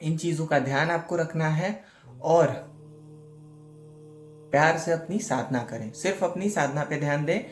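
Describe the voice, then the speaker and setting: A man teaching a devotional practice in an echoey room, with faint music playing behind him. He chants mantras slowly and checks in with a short "okay" between steps. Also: a little high. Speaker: spiritual teacher. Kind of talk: devotional instruction.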